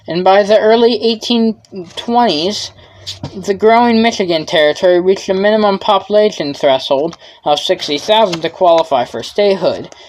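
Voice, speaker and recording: A young woman reads a scripted history lesson in a lowish, slightly mellow voice, and the recording is rough. She reads carefully but keeps stumbling and starting over as her voice gives out.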